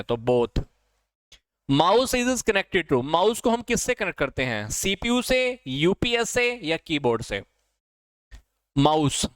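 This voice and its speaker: A man with an Indian accent teaching an exam-prep lesson. He reads quiz questions slowly, then explains them and answers them himself. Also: high voice, fairly bright tone, clear, resonant tone, no room sound, poor audio.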